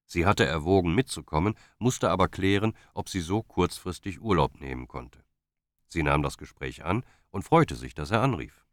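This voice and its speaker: A man reading a novel aloud as an audiobook narrator, calm and measured. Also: low voice, dry recording, clean studio sound. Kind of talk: scripted narration.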